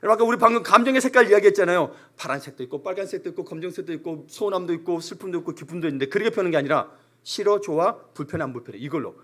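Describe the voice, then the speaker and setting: A male pastor delivering a sermon in a church, his voice riding high for a man. He preaches with emphasis and swoops widely up and down in pitch. Now and then he slips into a short imitation of an ordinary person grumbling. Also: rapid-fire, hardly any pauses. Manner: animated, emphatic, briefly acts out everyday complaints. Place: church sanctuary.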